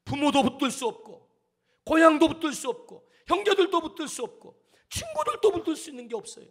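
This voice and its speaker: A man's voice: extremely high pitch, wildly swooping pitch, fairly quick, pitched above the performer's own voice, exaggerated voice. A preacher doing a pleading outcast man at prayer. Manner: pleading, rising and urgent. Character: desperate outcast man praying to God. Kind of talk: sermon re-enactment.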